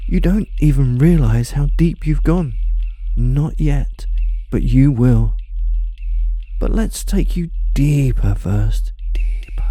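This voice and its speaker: A man speaking as a hypnotist in a slow, soft, calm voice that often sinks to a whisper, coaxing and commanding with repeated phrases. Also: a little high. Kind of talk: slow hypnosis audio, trance induction.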